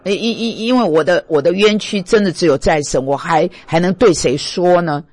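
A man's voice: high voice, moderate pace, no echo. A man from Taiwan, a pastor giving an emotional devotional talk, stammering and plaintive.

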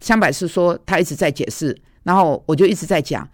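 A woman's voice: lowish voice, brisk, darkish tone, dry recording, studio quality. Woman preacher telling a story. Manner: conversational, recounting dialogues. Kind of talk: storytelling sermon.

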